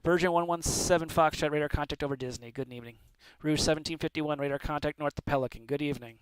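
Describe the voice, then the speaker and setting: A man's voice: on the high side, fast, low-quality recording. A man working as an air traffic controller, giving procedural, clipped radio instructions with courteous sign-offs. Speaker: air traffic controller on a flight-simulation network.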